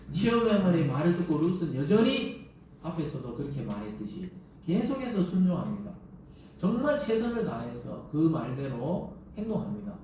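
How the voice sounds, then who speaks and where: A man's voice: on the high side, warm tone, a little hiss or hum. A man preaching a Sunday sermon as pastor, telling the story vividly and acting out the voices of scripture. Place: church sanctuary. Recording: echoey church hall, distant mic.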